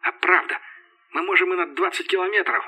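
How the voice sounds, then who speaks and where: A man voicing an eager, trigger-happy young sidekick in a raised, softer voice. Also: high-pitched, steady tone, a little fast, slightly rough, pitched above the performer's own voice, heavily acted.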